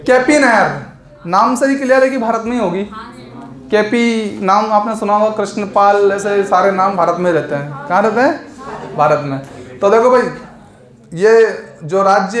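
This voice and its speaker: A man teaching an exam coaching lesson, explaining memory tricks and asking the class questions that he answers himself. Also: sits high. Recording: echoey room.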